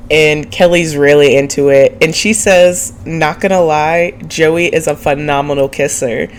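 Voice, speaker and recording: A woman's voice: sits low, fairly even intonation, a little slow. A woman with a nasal, stuffed-up voice from a cold, giving a chatty, opinionated, casual recap as a show host. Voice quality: nasal, congested, whiny. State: sick with a cold. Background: background music.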